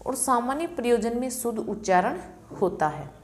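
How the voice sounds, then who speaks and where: With a sing-song, fairly high voice, a Sanskrit teacher confidently lectures on exam strategies. She goes over the key terms slowly and repeatedly to help them stick.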